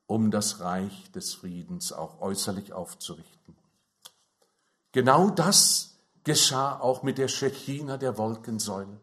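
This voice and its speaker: A man preaching a sermon, slow and emphatic, his fervor rising on key phrases. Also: lowish voice.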